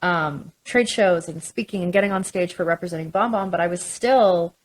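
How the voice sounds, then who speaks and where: A woman's voice: on the low side, moderate pace, low-quality recording. A woman telling her story as a podcast guest, chatty, with frequent ums and restarts. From Canada. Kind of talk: casual interview chat.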